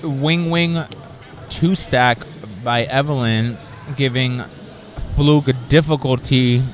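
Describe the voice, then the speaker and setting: A man's voice: medium pitch, fairly even intonation, slow pace, faint music behind, some chatter behind. Upbeat male event announcer. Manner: upbeat announcer calling scores. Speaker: play-by-play commentator. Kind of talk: live event commentary.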